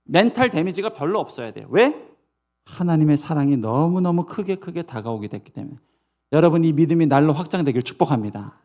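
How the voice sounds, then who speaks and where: A man preaching a Sunday sermon in a slightly high voice. He drives each point home by repeating key words and asking the congregation questions. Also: sing-song, brisk, a little mellow. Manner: emphatic, repetitive, rhetorical questions. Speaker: pastor.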